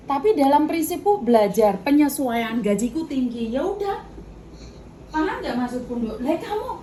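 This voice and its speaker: A woman's voice: fairly high pitch, a little mellow, slight background noise. Firm, lecturing woman. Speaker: domestic worker agent. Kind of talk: scolding phone mediation.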